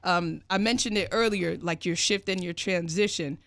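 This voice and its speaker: A woman from Canada hosting a casual radio interview, playful and quick to laugh. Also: on the low side, a bit bright. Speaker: radio host.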